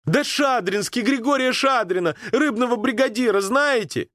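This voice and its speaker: A man voicing a young boy lost on a riverbank, calling out high and drawn out. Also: normal speed, a bit bright, no echo, clean studio sound. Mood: desperate shouting.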